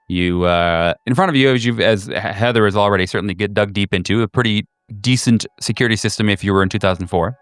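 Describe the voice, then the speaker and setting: A man improvising tabletop game narration as game master, halting as he searches for words. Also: deep voice, smooth, no room sound. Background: soft music.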